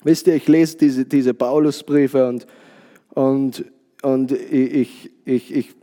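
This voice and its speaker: A man's voice: mid-range voice, level tone, takes it slowly, mellow. A man preaching a sermon with passion, often stumbling and repeating words as he restarts his sentences. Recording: long hall reverb.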